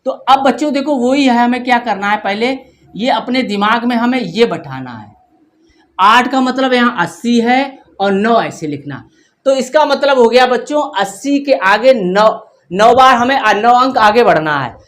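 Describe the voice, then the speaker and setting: A woman's voice: on the high side, expressive, a little slow. A woman teacher giving a patient workbook math lesson to young children, counting numbers aloud one by one. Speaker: primary school teacher.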